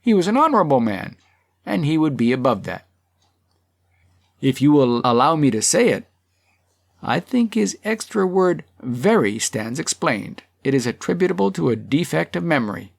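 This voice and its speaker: A man's voice: mid-range voice, vocal fry, dry recording. A man reading as a self-righteous townsman orating in his own defense. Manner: earnest, persuasive oratory.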